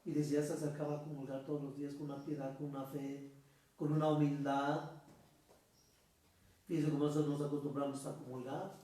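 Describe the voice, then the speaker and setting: A man's voice: a little high, little pitch movement, brisk, pauses often, dark tone. A man preaching a sermon as a priest, telling a story and calling his listeners brothers. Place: church. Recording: echoey church from far off.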